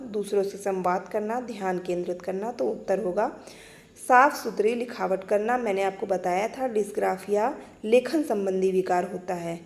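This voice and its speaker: A woman teacher explaining exam-prep material in a clear, patient way, restating each point. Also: mid-range voice, darkish tone.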